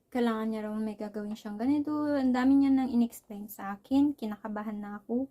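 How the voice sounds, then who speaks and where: A woman's voice: a little high, brisk, mellow. A young woman from the Philippines, telling a casual, rambling personal story and laughing often. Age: young adult. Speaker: vlogger.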